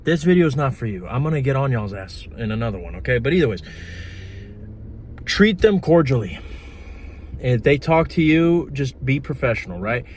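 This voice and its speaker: A man's voice: mid-range voice, very animated, normal speed, a little hiss or hum. A man giving blunt, profane dating and manifestation advice in a casual vlog. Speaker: manifestation coach.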